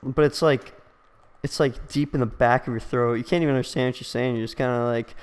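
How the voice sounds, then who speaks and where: A man's voice: medium pitch, steady tone, fairly quick, smooth. A man in his twenties rambling and teasing in heavy bro slang as he hosts a gaming video. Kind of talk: rambling joking commentary. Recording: long reverb.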